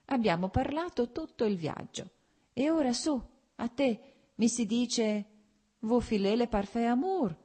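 A woman's voice: a little high, lively intonation, a little slow, mellow, breathy edge, pitched above the performer's own voice. A woman reading an audiobook voices an elderly countess, a fond and chatty mother who gushes and slips French phrases into her talk. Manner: gushing, affectionate, drops French phrases.

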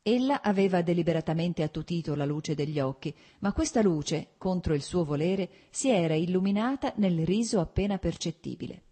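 A woman narrating a classic novel as an audiobook, in a measured, expressive reading. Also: on the low side, slightly rough.

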